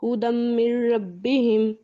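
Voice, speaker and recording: A woman student on a video call, reciting after her teacher in a very slow, careful, even way. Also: on the high side. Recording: muffled video-call audio.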